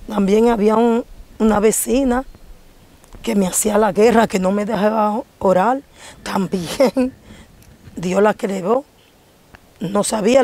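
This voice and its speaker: A woman's voice: on the high side, dark tone. A woman giving a fervent religious testimony, emphatically declaring rebukes in a raised preaching voice. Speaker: church testimony giver.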